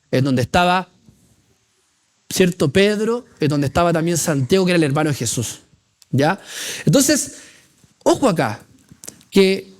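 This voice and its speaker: A teacher giving a Bible class lecture, reading verses aloud and explaining them with rhetorical questions and frequent check-ins with the class. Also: mid-range voice.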